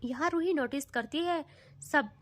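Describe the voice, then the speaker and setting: Very high-voiced woman storyteller. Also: measured pace. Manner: chatty, addresses listener with asides. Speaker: narrator. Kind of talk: casual audio love story narration.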